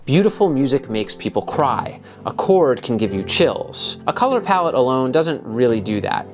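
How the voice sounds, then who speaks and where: A man's voice: mid-range voice, sing-song, normal speed, over loud music. A man hosting a design video, giving scripted narration with an explanatory, punchy delivery.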